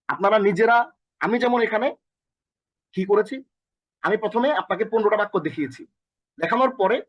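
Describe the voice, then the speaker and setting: A man's voice: high voice, no echo, dull audio. A man teaching a recorded Arabic lesson with energy, often repeating himself and quizzing the listener, with a Bangladeshi accent.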